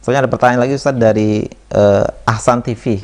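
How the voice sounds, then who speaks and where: A man's voice: mid-range voice, fairly even intonation, a little fast, darkish tone, a little hiss or hum. Polite male Q&A moderator. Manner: polite, formal, reads questions aloud. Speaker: moderator reading out questions. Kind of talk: hosting a Q&A session.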